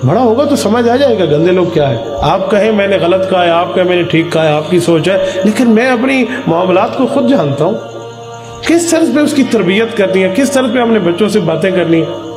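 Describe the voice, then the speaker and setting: A man's voice: sits high, animated, echoey room, over music. A man preaching a sermon, speaking with impassioned emphasis that rises and falls.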